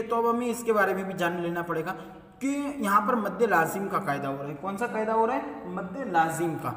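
A man's voice: high-pitched, bright, forceful tone. A man teaching a step-by-step recitation lesson, who asks himself questions and then answers them. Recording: echoey hall, mic far off.

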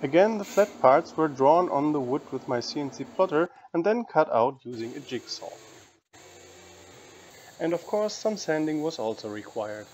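A man narrating a scripted woodworking tutorial in an even, matter-of-fact way. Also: on the high side, normal speed, a little hiss or hum. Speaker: woodworking channel host.

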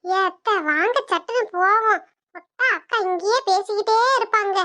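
A woman's voice: very high-pitched, normal speed, bright, forceful tone, dry recording. A woman voicing an impatient, fed-up young woman in a cartoon, with a Tirunelveli Tamil accent. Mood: urging. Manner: fed-up, urging.

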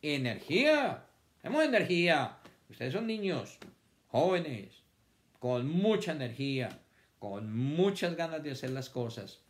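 A man's voice: fairly high pitch, expressive, measured pace. A man teaching a children's vocabulary lesson, stretching words out syllable by syllable and repeating them for the class to copy.

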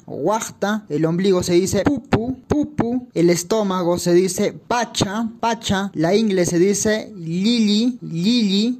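A woman with a Peruvian Spanish accent and a slightly low voice teaches vocabulary in a patient, deliberate way. She says each word and then repeats it for the listener. Her tone stays even and instructive. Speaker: language teacher, channel host.

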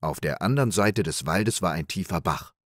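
Deep-voiced calm male storyteller. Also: no room sound, studio quality. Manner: calm, measured, expressive. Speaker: audiobook narrator. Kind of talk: calm fairy-tale reading for relaxing.

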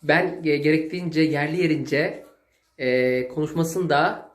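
A man speaks in a broad Zonguldak Turkish dialect, talking to camera in a rambling, folksy way. His voice sits a little higher than most men's. The sound carries a roomy echo. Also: a little slow. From Zonguldak, Turkey. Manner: folksy, rambling, with long shout-outs to viewers. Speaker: cooking vlogger. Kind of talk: casual chat to camera.

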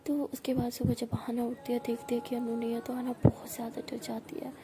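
Woman narrator, high soft whispered role-play storytelling; noticeable background noise. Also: little pitch movement, fairly quick. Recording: noisy recording.

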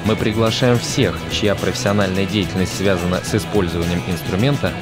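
Low-voiced man reading a formal voice-over. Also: a little fast. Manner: formal, even announcer delivery. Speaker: narrator. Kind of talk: scripted voice-over report. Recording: voice-over under loud music.

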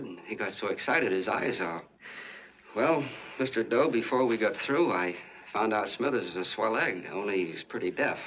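An actor playing a folksy small-town soda jerk who tells a long, earnest, rambling story in 1940s film style. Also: male voice, fairly low pitch, pushed and bright. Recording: muffled, hissy 1940s film soundtrack.

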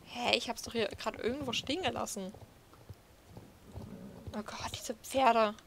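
A woman hosting a let's play, talking to herself in a chatty, playful way as she rides around. Her voice sits fairly high, with a faint hiss underneath. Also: steady tone, a little slow, creaky, a bit bright. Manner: chatty self-talk, playful. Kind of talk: casual gameplay commentary.

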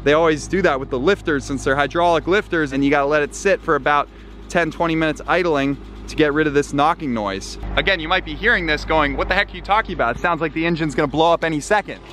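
Excitable young man filming a car vlog. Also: fairly high pitch, quick pace, slight background noise. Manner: excitable, talks straight to viewers, swings between worry and delight. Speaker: car flipping vlogger. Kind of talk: casual vlog commentary to camera. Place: outdoor parking lot and inside a small sports car. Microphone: handheld camera at arm's length.

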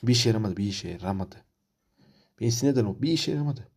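Husky, frustrated gamer man ranting. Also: lowish voice, expressive, fast, a little mellow. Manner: frustrated, ranting, repeats himself. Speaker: gamer playing a football manager career. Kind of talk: let's-play commentary.

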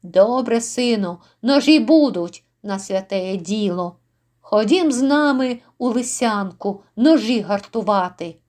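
A woman voicing a commanding older male rebel chieftain, speaking with authority and fatherly warmth. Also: a little high, lively intonation, measured pace.

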